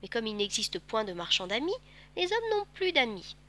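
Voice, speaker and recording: A woman voicing a gentle, wistful male fox who speaks patiently and tenderly in a storybook reading. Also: a little high, very animated, normal speed.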